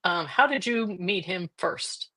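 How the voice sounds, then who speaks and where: Host of a live book-launch stream, short questions and quick encouraging replies, video-call mic. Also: mid-range voice, lively intonation, pushed and bright. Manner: short prompts and encouraging backchannels.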